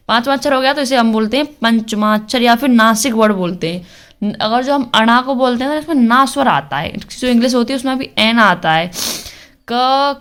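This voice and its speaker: A woman's voice: fairly high pitch, fairly bright tone. A woman teaching Hindi grammar for an exam, sounding out letters one by one and asking questions she answers herself. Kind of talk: exam-prep lesson.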